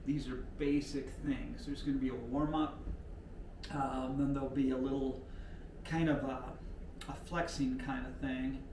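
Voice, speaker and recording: A man's voice: mid-range voice, fairly even intonation, unhurried. An older man talking casually while he demonstrates a home workout, unpolished and rambling, thinking aloud with plenty of fillers. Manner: talks while moving and exercising. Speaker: home exercise vlogger. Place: room in an older mountain home. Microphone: camera set back from the speaker. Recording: roomy home audio from a distant mic, faint hiss.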